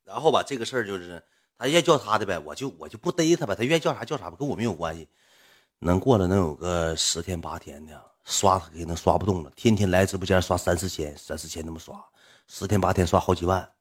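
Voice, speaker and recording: A man's voice: deep voice, quick pace, slightly rough. A young man with a Northeastern Chinese accent, a livestreamer telling a story in a rambling, coarse, blunt way. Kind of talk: casual storytelling.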